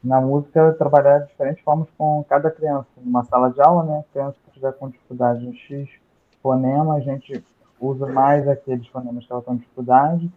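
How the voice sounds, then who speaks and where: A man's voice: mid-range voice, fairly even intonation, brisk, narrow, tinny audio. A man with a Brazilian Portuguese accent adding to a class discussion in an agreeable, explanatory way. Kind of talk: casual discussion.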